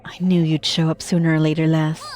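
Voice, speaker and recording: A woman voicing a young girl in a horror game, speaking higher, strained and indignant. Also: flat delivery, fairly quick, a little mellow, soft background music, lightly acted. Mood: defiant. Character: young girl, defiant and in pain. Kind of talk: reading game dialogue aloud.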